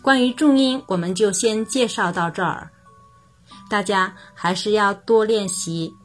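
A woman gives a pronunciation lesson in a level, middle-pitched voice. She talks patiently and carefully, saying each example word several times over so listeners can practice. Soft music plays faintly underneath. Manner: patient, repeats example words slowly for practice. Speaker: language teacher. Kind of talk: explaining Japanese pitch accent.

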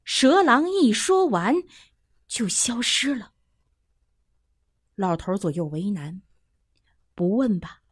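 Woman storyteller for children's folk tales, husky voice, wide expressive pitch. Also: no room sound, studio quality. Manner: expressive and animated.

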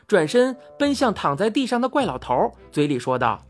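Speaking at normal speed in a medium-pitched voice, a woman tells her own story with expressive reading. She acts out the quoted lines in a lively manner while faint music plays.

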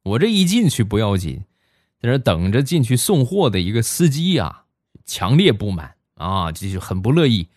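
A man's voice: fairly low pitch, very animated, moderate pace, a little mellow, no echo, clean studio sound. A man, telling comic stories on a podcast in a chatty, playful way. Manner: chatty and playful, heavy erhua. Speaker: comedy podcast host. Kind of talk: comic storytelling.

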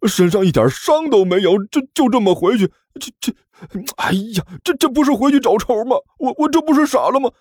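A man voicing a whiny younger sworn brother who begs, high and fast, in a husky voice with soft music behind. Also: huge pitch swings, dry recording, clean studio sound, exaggerated voice. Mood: panicked. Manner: high, fast, wheedling and begging.

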